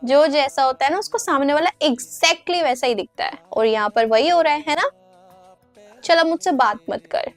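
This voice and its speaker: A woman in a comedy sketch who talks in a scolding, sharp-tongued way. Her voice is high. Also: normal speed, faint music behind. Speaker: sketch performer playing a teacher.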